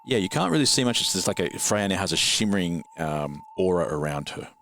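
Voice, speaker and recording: A man acting as dungeon master, narrating a tabletop game in a relaxed, wry way with many fillers. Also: sits low, fairly quick, gravelly, a little hiss or hum.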